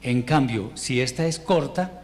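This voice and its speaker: A man teaches Hebrew reading rules in an unhurried, patient way, stopping to restart his sentences. His voice sits in a middle pitch range. A faint background hiss runs under the recording. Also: darkish tone. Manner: patient, explains step by step with pauses and restarts. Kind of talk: informal language lesson.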